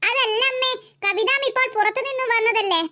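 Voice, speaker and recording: Sweet dutiful young woman, cartoon, voiced by a woman; very high, bright, polite tone. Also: brisk. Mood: gentle. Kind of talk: cartoon voice acting.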